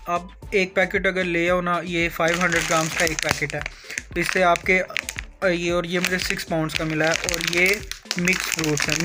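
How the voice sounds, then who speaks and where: A man with a Pakistani accent talks through everyday advice in a casual, rambling vlog. He repeats himself often and drifts into asides. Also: a little high. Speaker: vlogger.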